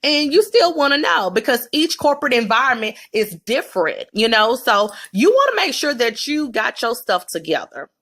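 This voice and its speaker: A woman's voice: on the high side, sing-song, moderate pace, few pauses, fairly bright tone. A woman with a Southern US accent, giving candid, emphatic career advice straight to camera in a casual vlog.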